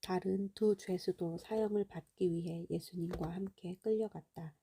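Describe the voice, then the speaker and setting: A woman reading scripture aloud in a soft, hushed bedtime voice that slips into a half-whisper. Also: on the low side, fairly even intonation, moderate pace, a little hiss or hum. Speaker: Bible reader.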